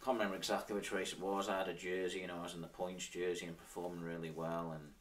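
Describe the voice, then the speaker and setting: Recorded from a distance, a deep, flat-voiced thirtysomething talks fast. He's an ex-pro cyclist being interviewed, and his Isle of Man accent carries informal, rambling memories dotted with "like" and "sort of."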